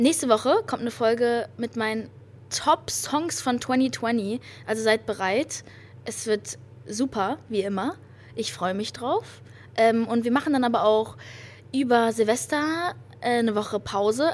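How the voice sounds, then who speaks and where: A young German woman hosting a podcast in casual slang sprinkled with English, gushing with giddy, girlish excitement. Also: on the high side. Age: young adult. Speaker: podcast host. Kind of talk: casual chatty pop-music podcast with youth slang and English phrases. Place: hotel lobby. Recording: clearly noisy room ambience.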